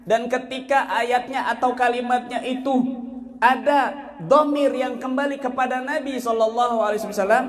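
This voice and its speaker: A man preaching a sermon, telling stories in a lively voice that swings between high excited lines and low soft asides. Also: moderate pace. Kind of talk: sermon storytelling. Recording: echoey hall.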